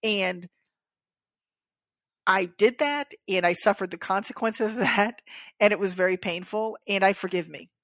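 In a studio-quality recording with no echo, a woman co-hosting a podcast chats casually in a medium-pitched voice. She speaks unhurriedly with long pauses, telling stories in an animated way and acting out the voices of the people in them.

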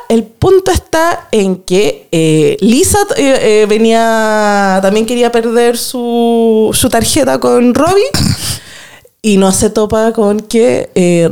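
A Chilean woman hosting a casual podcast chat, retelling a film with animated, laughing asides and acted-out quotes. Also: on the high side. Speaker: podcast host.

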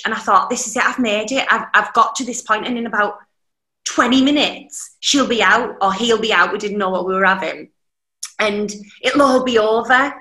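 A woman's voice: medium pitch, bright, forceful tone. A young woman with a Teesside accent chatting casually and candidly as a podcast guest, with some mild swearing. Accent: Teesside, North East England. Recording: echoey room.

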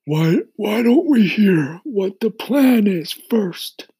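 An elderly gentleman grasshopper with a thin, reedy voice pitched far up, sounding fussy, wise and baffled. His tone is odd and unlike a normal speaking voice. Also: animated, takes it slowly, slightly rough, no echo, exaggerated voice. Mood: incredulous. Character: old green male grasshopper, fussy and wise.

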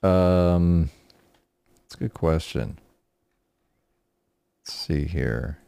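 A man's voice: sits low, extremely slow, vocal fry, warm tone, clean tone, dry recording. A man co-hosting a casual sports podcast, talking in a laid-back, profane way. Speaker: podcast co-host.

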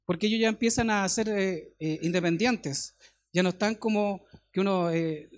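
A man's voice: sits high, moderate pace. Chilean man preaching conversationally. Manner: conversational preaching with homely anecdotes and check-in questions. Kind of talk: sermon.

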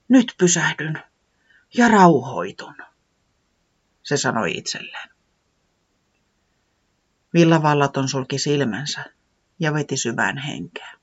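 A storyteller narrating a children's story in a gentle, expressive way, sometimes dropping to a whisper. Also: mid-range voice, slightly rough, muffled recording.

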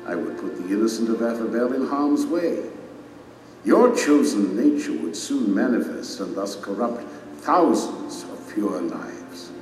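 Solemn, majestic king in a vast hall. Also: fairly low pitch. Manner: solemn, declamatory, deliberate. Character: majestic stern king and divine judge pronouncing sentence. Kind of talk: audio drama acting. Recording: echoey reverberant hall, distant, music underneath. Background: dramatic music.

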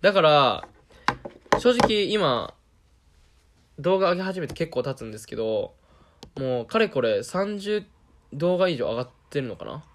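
A man's voice: a little high, sing-song, a little slow, long pauses, a bit bright, a little hiss or hum. A young man with a Kansai Japanese accent, talking in a casual, self-deprecating monologue and laughing often.

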